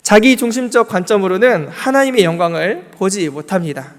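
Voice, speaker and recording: A man's voice: high voice, expressive, fairly quick, big-room sound. A male pastor preaching a sermon to his congregation, emphatic and asking them questions. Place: church sanctuary.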